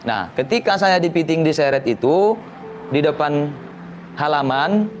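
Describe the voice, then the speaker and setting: A man's voice: on the high side, animated, measured pace, faint music behind. A man earnestly recounting his own account in first person, detailed and insistent on the facts. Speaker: person giving a clarification.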